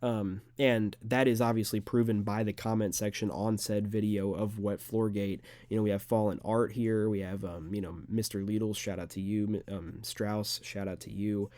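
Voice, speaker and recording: A man's voice: lowish voice, little pitch movement, moderate pace, few pauses, a little mellow, dry recording. A young man, an amateur fighter, talking straight to camera in an unedited, rambling monologue full of filler words. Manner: rambling, earnest, filler-heavy.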